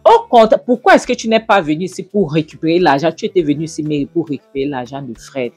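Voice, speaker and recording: A woman's voice: deep voice, lively intonation, fast, slightly rough, no room sound, soft background music. A woman voicing a scornful middle-aged mother who hectors and taunts her daughter. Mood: mocking. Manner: taunting, hectoring, rising to loud jabs.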